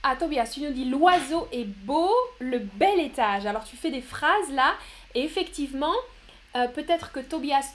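A woman's voice: high-pitched, a little hiss or hum. A young woman teaching a live online vocabulary lesson, reading out students' chat answers and explaining them. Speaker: French teacher.

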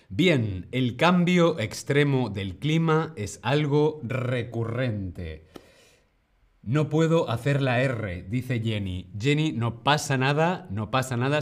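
Male tutor, steady mid pitch, very unhurried delivery, coaxing learners to repeat after him. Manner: slow, patient, repeats words for learners to echo; reassuring, addresses viewers by name. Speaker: Spanish pronunciation teacher. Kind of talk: live-streamed pronunciation lesson.

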